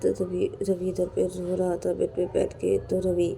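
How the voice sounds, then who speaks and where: A woman's voice: fairly low pitch, monotone, a little slow, vocal fry, dark tone, slight background noise. A woman narrating a romantic story casually, retelling each action step by step with many repeats.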